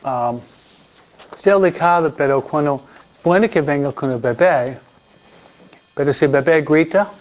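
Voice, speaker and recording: A man's voice: a little high, unhurried, long pauses. A priest talking informally with an audience, chatty and self-deprecating, often tagging his sentences with questions. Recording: dull lo-fi sound with faint noise.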